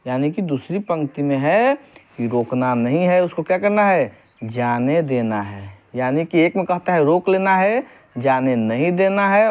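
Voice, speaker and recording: A man with a fairly high, darkish voice teaches a grammar lesson, explaining it step by step and asking the class questions that he then answers himself. He reads the example sentences slowly and deliberately, and the audio sounds dull.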